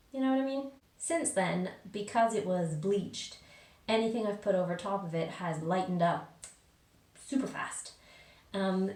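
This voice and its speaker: A woman's voice: medium pitch, a little mellow. Woman chatting casually in an echoey bathroom. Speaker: vlogger. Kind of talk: casual chat to viewers. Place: small indoor bathroom. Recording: echoey bathroom, distant mic.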